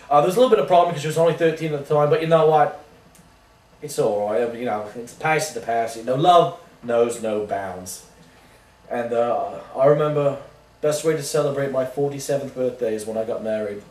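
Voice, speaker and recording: A man playing an oblivious washed-up rock singer in a mock interview, rambling deadpan through absurd tangents. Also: mid-range voice, lightly acted. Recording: roomy sound from a distant mic.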